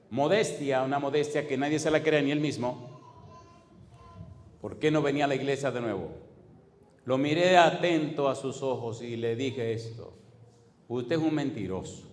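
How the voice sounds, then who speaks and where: Dominican male pastor, mid-pitched, fiery preaching full of rhetorical questions, recorded in a reverberant hall. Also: darkish tone. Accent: Dominican Spanish. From Dominican Republic. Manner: preaching with fervent, rising exclamations and rhetorical questions. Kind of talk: sermon.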